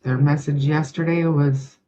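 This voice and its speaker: A commentator on a video call who talks haltingly with restarts, heard through a microphone that cuts in and out so the volume keeps jumping. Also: mid-range voice, level tone, mellow. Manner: halting, hesitant speech with restarts. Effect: mic cutting in and out, uneven volume. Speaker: commentator on a panel. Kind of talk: online video discussion. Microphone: computer mic on a video call. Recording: dull lo-fi online call mic.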